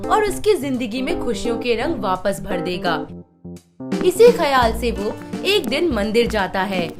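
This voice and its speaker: A woman narrating a moral story in an expressive storytelling manner. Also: fairly high pitch, measured pace, over loud music.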